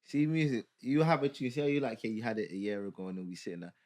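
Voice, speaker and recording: A man's voice: fairly low pitch, expressive, very fast, darkish tone. A man with a multicultural London accent explaining his views in casual podcast chat, tagging phrases with yeah and innit. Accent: London, multicultural London English. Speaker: music artist in podcast discussion.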